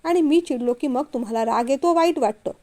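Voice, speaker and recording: A stern middle-aged father from a storybook, firm and scolding as he corrects his son, read by a woman. The voice sits high and sounds mellow. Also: brisk, lightly acted. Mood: reproachful.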